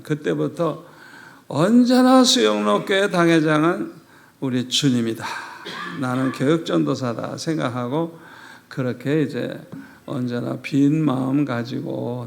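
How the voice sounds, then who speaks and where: A man's voice: medium pitch, creaky, slight background noise. An older man preaching a revival sermon as a pastor, telling stories with animation and acting out prayers and quoted dialogue.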